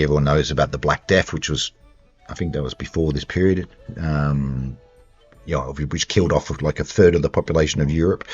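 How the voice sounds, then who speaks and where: A man's voice: low voice, highs cut off. A man narrating a tabletop horror game as game master, hesitant and full of restarts and ums.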